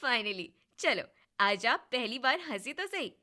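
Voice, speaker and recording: A cheeky, bubbly young sister-in-law in a storybook drama, voiced by a woman. She is loud, playful and a little bossy. Her voice is bright and slightly high. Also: very animated, takes it slowly, full character voice. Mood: affectionate.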